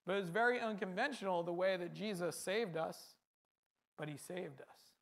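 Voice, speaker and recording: A man's voice: high voice, moderate pace, vocal fry. A man preaching a sermon, speaking earnestly in a repetitive cadence and often asking rhetorical questions.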